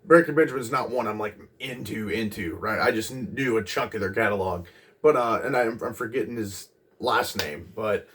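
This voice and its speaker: A man in his twenties casually recalling a concert as host of a music channel, rambling with many pauses and restarts. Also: on the low side, fairly bright tone, far from the mic. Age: 20s. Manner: rambling, lots of ums and restarts.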